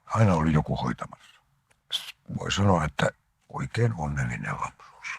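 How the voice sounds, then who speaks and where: An older man from Finland, an actor giving an interview, telling anecdotes about his life and often sinking into a breathy half-whisper. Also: extremely low pitch, very animated, no room sound. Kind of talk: reminiscing interview talk.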